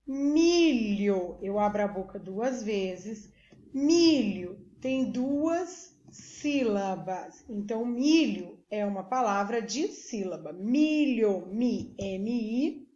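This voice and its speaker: A woman teacher walks through a literacy lesson, spelling each word out syllable by syllable. Her voice sits a little high and she talks very slowly. The room echoes, and the sound is dull and lo-fi. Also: a little mellow. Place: remote classroom video recording.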